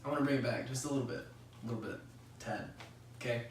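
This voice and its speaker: A young man hosting a casual podcast chat, an excitable storyteller who swears freely and laughs mid-sentence. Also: medium pitch, fast talker. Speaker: podcast host. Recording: roomy echo, far from mic, faint noise.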